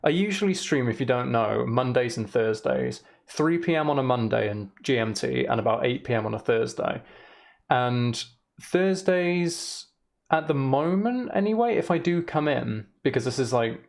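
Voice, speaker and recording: A man's voice: mid-range voice, animated, normal speed, gravelly. A young man streaming, chatting casually and rambling, recorded on a desk microphone in an emptied room that echoes. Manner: chatty, rambling, self-deprecating. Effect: echoey sound of an emptied room. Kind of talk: casual livestream chat. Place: emptied room in a house, indoors. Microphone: desk microphone on a shelf.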